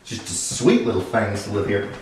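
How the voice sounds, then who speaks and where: In an empty house, a man with a lowish, expressive voice and a darkish tone gives a casual, sarcastic, profane tour of the run-down place he's renovating, speaking at a moderate pace. The mic sits at a distance, the bare rooms echo, and there's slight background noise.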